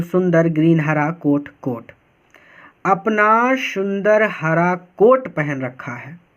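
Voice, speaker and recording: Male tutor, high voice, slow and patient, reads each line then explains it, dull lo-fi recording. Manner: reads English lines, then explains them in Hindi; patient and repetitive. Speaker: teacher.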